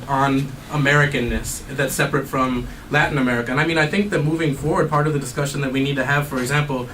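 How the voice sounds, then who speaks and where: A man's voice: medium pitch, fairly bright tone. Academic man answering questions, distant mic. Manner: thoughtful, frequent fillers and restarts. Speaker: anthropology professor giving a talk. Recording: distant mic, faint noise.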